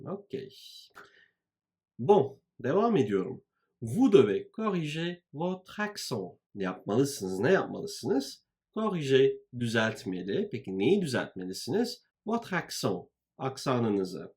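Slow, lively-pitched man teaching grammar. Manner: slow, deliberate, repeats phrases. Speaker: French teacher. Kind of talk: grammar lesson walkthrough.

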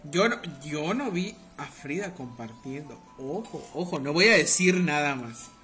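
A man's voice: on the high side, expressive, unhurried, bright, forceful tone, soft background music. Foul-mouthed Mexican man streaming. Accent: Mexican Spanish. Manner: crude, joking banter with chat. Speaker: livestreamer. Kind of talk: casual live gameplay commentary.

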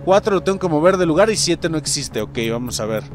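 A young man with a Mexican Spanish accent giving excitable, profanity-filled commentary while he plays a game, often breaking into sudden yelps and shouts. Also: a little high, fast. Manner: excitable, swears a lot, jumps to yelps and shouts. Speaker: gaming channel host. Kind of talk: casual gameplay commentary.

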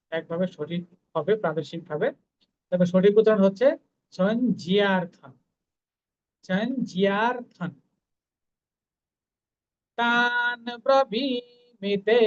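A teacher leads a recitation lesson, chanting verse lines in long, drawn-out syllables and then explaining the sounds at a quicker clip. The voice is smooth and resonant, in the middle of the range. The recording is dull and lo-fi. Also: medium pitch, a little mellow. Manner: drawn-out slow syllables when chanting, brisk explanations between. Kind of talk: pronunciation lesson with slow chanting of Sanskrit verses.

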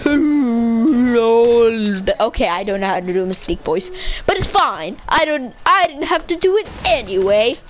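A woman giving casual, chatty commentary over her gameplay, excitable and constantly correcting herself mid-sentence. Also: a little high, normal speed, a little hiss or hum, rough recording. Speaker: gaming video creator.

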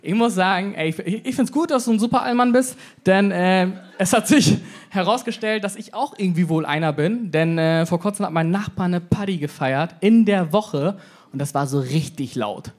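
A man's voice: high voice, moderate pace. A man in his twenties doing a stand-up set on a club stage, brash and slangy, acting out the voices he quotes. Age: 20s. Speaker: stand-up comedian. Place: comedy club stage with live audience.

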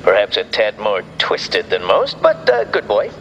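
Folksy cartoon hero, earnest, pontificating, animated, dull reverberant sound. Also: male voice, on the low side, measured pace, gravelly, slight background noise, heavily acted. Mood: sincere. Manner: sincere, pontificating. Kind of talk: cartoon acting. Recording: echoey, muffled speaker sound, faint music.

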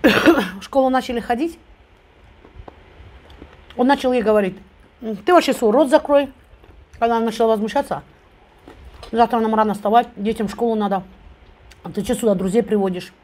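A woman's voice: a little high, normal speed, pauses often, a little mellow. A woman eating on camera, chewing while she talks, who retells a friend's story and keeps putting in "she says". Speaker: mukbang vlogger.

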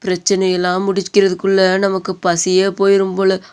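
A patient young husband in a cartoon story, played by a woman, coaxing and soothing in a flat, even line. The tone is clear and smooth, at a middle pitch. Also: moderate pace, natural voice. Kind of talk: animated story dub.

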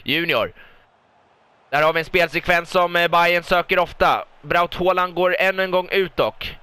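Excitable young Swedish man commentating football. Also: high voice, smooth, no room sound. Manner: excitable, shouts and repeats goal calls. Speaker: gaming YouTuber commentating his own match. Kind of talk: mock football commentary over gameplay.

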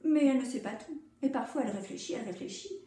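A woman teacher giving a phonics lesson for young children, in an animated storytelling tone and drawing out each vowel sound. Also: high-pitched, fast. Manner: stretches out demonstrated vowel sounds. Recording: echoey room, voice from a distance.

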